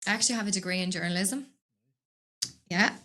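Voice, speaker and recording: A woman's voice: mid-range voice, fairly quick, sharp tone. Chatty Dublin woman telling stories. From Dublin, Ireland. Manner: chatty, rambling storyteller, laughs often. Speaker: podcast guest, business owner. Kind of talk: casual interview chat. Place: podcast studio.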